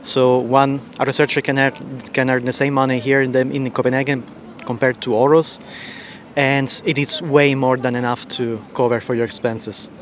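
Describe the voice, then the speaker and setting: A man's voice: medium pitch, level tone, moderate pace. Man, thoughtful researcher. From Sicily, Italy. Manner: thoughtful, hesitant with restarts. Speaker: postdoctoral researcher. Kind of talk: casual street interview answers. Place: city street outdoors.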